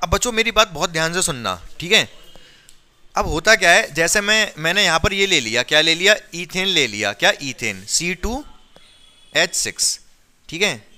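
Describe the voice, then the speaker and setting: A science teacher with a high, bright, pushed voice runs a chemistry lesson at a normal speed, his intonation lively. He talks the class through every step, quizzing them and repeatedly checking that they keep up.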